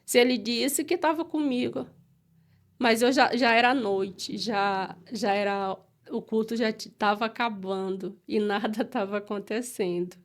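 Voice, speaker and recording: A woman with a Brazilian Portuguese accent giving an emotional church testimony, earnest and halting, re-enacting the prayers she made. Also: on the high side, steady tone.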